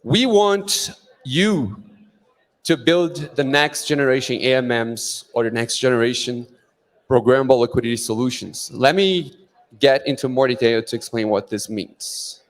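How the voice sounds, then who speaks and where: A man's voice: mid-range voice, moderate pace. A man giving an earnest, rallying keynote at a conference, introducing his project. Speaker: conference speaker, project founder. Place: conference stage in a large hall. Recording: long hall reverb.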